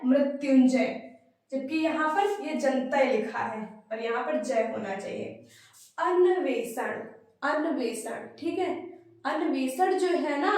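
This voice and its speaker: A woman teacher giving a spelling lesson for exam students, explaining step by step and repeating each word slowly. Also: sits high. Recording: very echoey room, voice far from mic.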